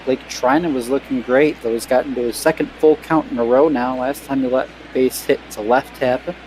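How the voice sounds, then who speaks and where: Relaxed man calling baseball play-by-play. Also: mid-range voice, fairly quick, slight background noise, poor audio. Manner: relaxed, chatty, self-deprecating. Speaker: play-by-play commentator. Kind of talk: casual play-by-play of a simulated game.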